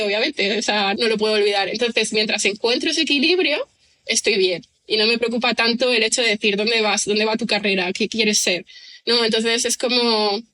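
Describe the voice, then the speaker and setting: On the high side and sharp in tone, this middle-aged writer talks through her thoughts as an interview guest in a reflective, conversational exchange. She laughs readily, and her thinking aloud is packed with fillers and restarts.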